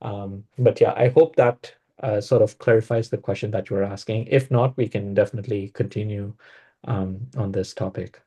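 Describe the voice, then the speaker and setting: A man's voice: on the low side, fairly even intonation, moderate pace, warm tone, breathy edge. A man presenting in a casual spiritual discussion, talking hesitantly with many fillers and restarts.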